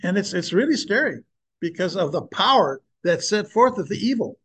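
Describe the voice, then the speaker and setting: A man's voice: sits high, big pitch swings, normal speed, a bit bright, slightly rough. Earnest older man preaching. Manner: earnest and emphatic, addressing listeners as guys. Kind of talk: preaching personal testimony.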